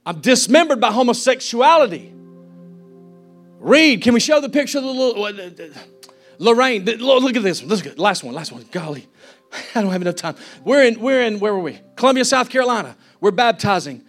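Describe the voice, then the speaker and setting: Preacher guy, high voice, fired up, acts out the quotes, soft music behind. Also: expressive, brisk. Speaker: pastor. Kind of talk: sermon.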